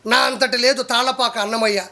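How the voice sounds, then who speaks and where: A man's voice: very high voice, steady tone, fairly quick, bright, forceful tone. A man, a political commentator delivering a heated, scornful and mocking rant.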